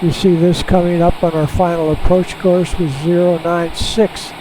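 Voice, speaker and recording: A man flying a small jet who talks through each step in a relaxed, halting way, heard over a pilot headset in the cockpit. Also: high voice. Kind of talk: casual narration while flying. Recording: steady cockpit and engine noise.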